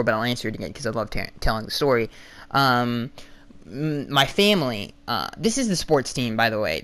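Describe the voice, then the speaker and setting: A young man hosting a casual solo podcast, answering fan questions bluntly with lots of restarts, his voice going hoarse. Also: medium pitch, a bit bright. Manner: rambling, restarts and fillers, blunt opinions. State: losing his voice.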